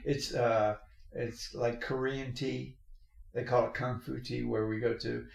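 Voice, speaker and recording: A middle-aged podcast host with a medium-pitched, creaky voice speaks a little slowly and flatly, rambling through stories in casual chat full of restarts and laughs. He's in a workshop with machines, and the recording sounds roomy and echoey.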